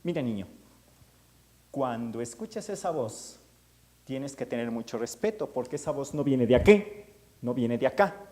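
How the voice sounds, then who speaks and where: A man's voice: mid-range voice, animated, moderate pace, pauses often, mellow, lightly acted. A man voicing an old temple priest who sounds exclaiming and fatherly. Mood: instructing.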